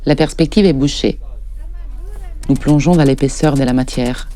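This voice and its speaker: A man giving scripted, measured narration about a photograph for an art documentary. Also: medium pitch, steady tone, warm tone. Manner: measured, descriptive art commentary.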